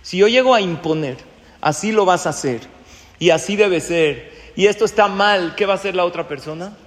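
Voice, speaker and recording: A man speaking as a rabbi gives a sermon in a high-pitched voice at normal speed, asking his listeners questions and acting out the voices of the people in his story. A long reverb suggests the class was recorded in a hall.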